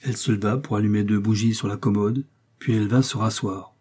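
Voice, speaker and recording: A man reading a classic novel aloud in a measured, expressive way. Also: lowish voice, breathy edge. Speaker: audiobook reader. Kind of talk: literary narration.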